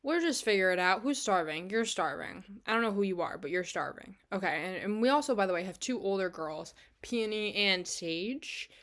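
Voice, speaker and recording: A woman giving casual, rambling commentary over a life-sim game as the channel's host, often breaking off mid-sentence and filling pauses with "like" and "um.". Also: mid-range voice, animated, fairly bright tone. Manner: chatty, fills pauses with "like" and "um".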